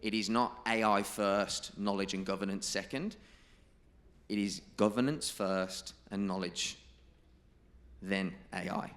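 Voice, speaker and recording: Male conference speaker, lowish voice, presenting to a room with emphatic, deliberate stress. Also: fairly bright tone. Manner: emphatic, repeats key figures and quotes slowly. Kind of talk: presentation to a live audience.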